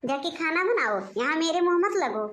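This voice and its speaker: Woman voicing an impatient young husband, cartoon, curt and scolding, high voice. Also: big pitch swings, moderate pace, fairly bright tone, full character voice. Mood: angry. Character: short-tempered young husband, suspicious son-in-law.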